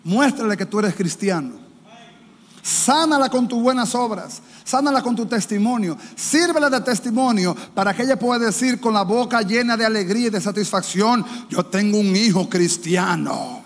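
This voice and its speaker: High-voiced Dominican preacher in a reverberant hall. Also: male voice, normal speed. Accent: Dominican Spanish. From Dominican Republic. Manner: impassioned preaching, voices quoted speakers higher and louder. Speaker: pastor. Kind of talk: sermon. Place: church. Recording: reverberant church hall, faint ambience.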